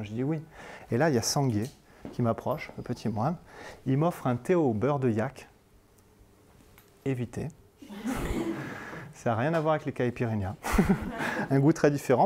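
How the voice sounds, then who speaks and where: A man's voice: mid-range voice, warm tone, slight background noise. A man from Marseille giving a coaching lecture, telling a story in a colloquial, joking way and acting out the dialogue. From Marseille, France. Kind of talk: lively storytelling talk. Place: conference room.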